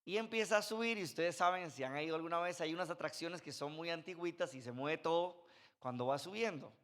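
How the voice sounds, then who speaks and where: High-voiced preacher. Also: male voice, brisk, fairly bright tone. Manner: conversational storytelling with sound effects. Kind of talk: sermon. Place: church. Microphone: handheld microphone.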